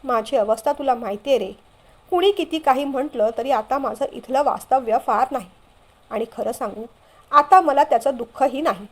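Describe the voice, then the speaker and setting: Brief: a woman reading a frail dying father, quiet and sorrowful, pitched high. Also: normal speed. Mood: pleading, sorrowful.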